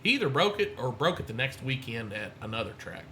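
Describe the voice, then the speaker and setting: A man's voice: mid-range voice, sing-song, quick pace, bright, forceful tone, a little hiss or hum. A man telling rambling racing stories in a casual chat and acting out what other people said. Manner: rambling storyteller, acts out other people's lines. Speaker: guest.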